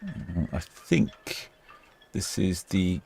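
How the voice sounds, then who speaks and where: A man's voice: sits low, sing-song, drawn-out words, gravelly, darkish tone, a little hiss or hum. A man hosting a casual live ship-spotting stream, chatting and musing as he watches. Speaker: livestream host.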